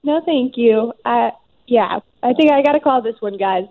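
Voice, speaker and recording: A woman's voice: a little high, moderate pace, phone-quality sound. A young woman heard over the phone on a radio show, talking hesitantly with many fillers. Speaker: radio call-in guest. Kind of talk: casual chat.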